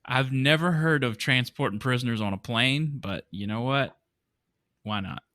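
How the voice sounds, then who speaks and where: A man's voice: medium pitch, normal speed, sharp tone, no room sound, clean studio sound. A man hosting a movie podcast, chatting casually and laughing often. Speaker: podcast host.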